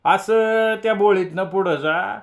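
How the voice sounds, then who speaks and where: A man's voice: sits high, slow, vocal fry, pitched above the performer's own voice, exaggerated voice. A man doing a bragging village boy. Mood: boastful.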